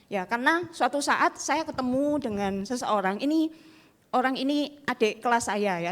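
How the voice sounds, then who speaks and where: A woman pastor, preaching a sermon in a lively storytelling way and acting out the people in her stories. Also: on the high side. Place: church.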